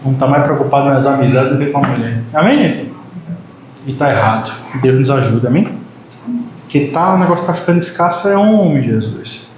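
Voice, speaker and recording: A man preaching a sermon in Brazilian Portuguese, animated and joking with his congregation, now and then acting out short quotes. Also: medium pitch, brisk. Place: church hall. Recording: very echoey church hall, faint noise.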